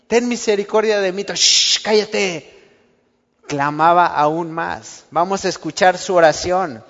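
A man's voice: high voice, long reverb tail, muffled recording. A man preaching a sermon, talking in a conversational way and acting out small everyday exchanges. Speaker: pastor.

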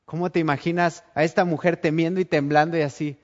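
A man preaching a sermon, telling Bible stories in an animated way and acting out the scenes. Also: fairly high pitch, fast. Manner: animated storytelling, acts out scenes. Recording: dull lo-fi recording.

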